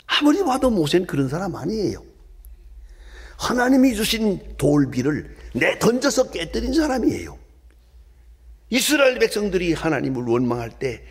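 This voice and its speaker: A male pastor delivers a sermon in a gravelly, husky voice. His pitch leaps about as he shifts from ringing exclamations to hushed, breathy whispers. The pitch sits a little high for a man. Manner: dramatic swings from loud exclamations to hushed whispers.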